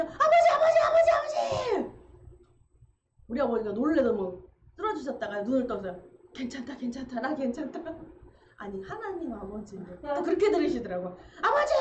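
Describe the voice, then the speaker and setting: A woman pastor preaching a sermon in a church, acting out cries and quotes and laughing through a story. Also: high-pitched. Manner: animated, acts out cries and quotes, laughs as she tells a story. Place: church sanctuary. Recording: echoey church room, slightly dull sound with faint noise.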